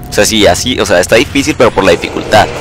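Excitable young gamer. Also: male voice, fairly low pitch, rapid-fire, over music. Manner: excitable, swears and repeats words in bursts. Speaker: gameplay commentator. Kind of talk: casual live gameplay commentary.

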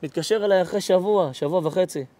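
A man's voice: high voice, mellow, no echo. A man, a rabbi, giving an emotional storytelling lecture, earnest and urgent, acting out the people in his stories. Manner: vivid, acts out dialogue in stories.

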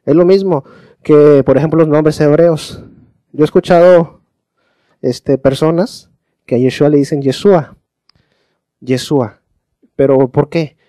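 A man's voice: fairly high pitch, measured pace, dark tone, no room sound. A man, a pastor teaching a sermon, explaining patiently and often checking in with his listeners.

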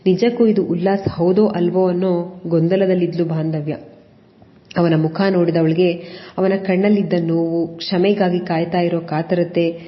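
A woman telling a scripted serial story in a steady, dramatic way. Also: fairly low pitch, normal speed. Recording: dull lo-fi audio with long reverb.

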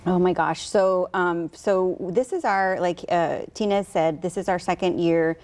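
Guest spot: woman, 30s, lower voice, warm and chatty, lapel mic in studio. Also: unhurried. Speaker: hospice representative, guest. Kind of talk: TV studio interview. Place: local TV news studio, on a couch.

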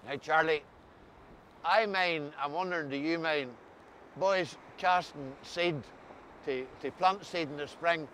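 A man's voice: on the high side, measured pace, a bit bright. A mature man with an Ulster Scots accent, interviewing in a casual, hesitant way and often repeating words. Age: middle-aged or older. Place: outdoors on a grassy coastal path by the sea. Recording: faint outdoor ambient noise.

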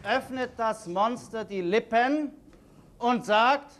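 A man narrating a comic sketch in a measured, dramatic storytelling manner. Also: very high-pitched. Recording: 1970s TV studio, audience, hiss. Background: studio audience.

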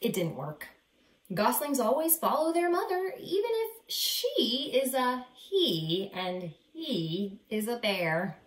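A woman reads a children's story aloud in a roomy, echoey space. Her delivery is unhurried and dramatic, with lively rises and falls that lean on the important words. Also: a little high. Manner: dramatic, deliberate emphasis. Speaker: storyteller reading a picture book aloud. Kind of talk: expressive children's read-aloud. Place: small living room, indoors. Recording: roomy, echoey indoor sound.

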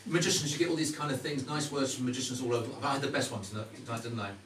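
A man's voice: mid-range voice, rapid-fire, a crowd in the background. A middle-aged man giving card magician patter to an audience, chatty and teasing, with questioning asides. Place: indoor stage before a small live audience. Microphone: distant audience camera. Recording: roomy, noisy live recording from far off.

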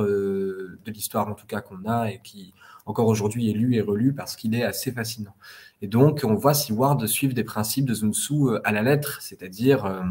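Casting: deep-voiced male podcast co-host, thoughtful, halting delivery. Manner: explanatory, hesitant with many fillers. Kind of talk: literary discussion.

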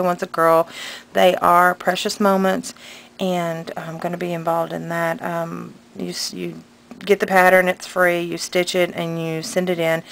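Gravelly low-voiced woman with tongue-piercing speech. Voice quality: slightly impeded articulation from a newly re-inserted tongue piercing. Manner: hesitant, rambling, enthusiastic. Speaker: craft vlogger and pattern seller. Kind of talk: casual unscripted show-and-tell chat. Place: indoors at a craft table at home. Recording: clearly noisy home recording.

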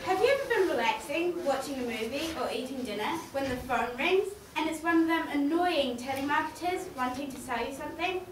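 A woman's voice: sits high, lively intonation, a little fast, few pauses. A woman giving a humorous prepared speech to an audience, playfully acting out little scenes. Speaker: student speaker. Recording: echoey hall, mic far off, audience.

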